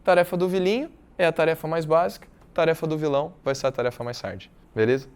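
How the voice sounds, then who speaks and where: Casual Brazilian male teacher, young, fairly high voice, keeps checking in with the class. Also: quick pace, a little mellow, smooth. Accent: Brazilian Portuguese. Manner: chatty, informal teacher tone with frequent tag questions. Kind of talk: recorded online lesson.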